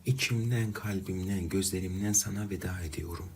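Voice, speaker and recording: A man reading the quoted lines of a heartbroken young woman as part of a storybook story, in a soft, resigned manner. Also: low voice, fairly quick, a little hiss or hum, natural voice. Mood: sorrowful.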